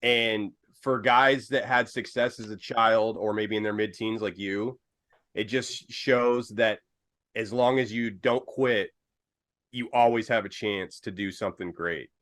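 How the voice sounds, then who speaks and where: A man's voice: lowish voice, steady tone, a little slow, a bit bright. A man hosting a casual interview, enthusiastic and slangy, calling his guest dude and man. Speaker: host.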